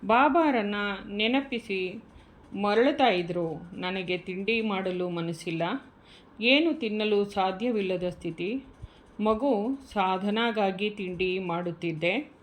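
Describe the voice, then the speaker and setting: A woman reading a spiritual memoir aloud in an earnest, measured storytelling manner. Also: medium pitch. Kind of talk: slow devotional storytelling.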